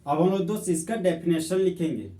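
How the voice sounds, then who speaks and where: A man teaching a chemistry lesson, explaining step by step in a slow, friendly way and often addressing students as friends. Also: sits high, lively intonation, warm tone. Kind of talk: classroom lesson. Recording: echoey room, voice from far off.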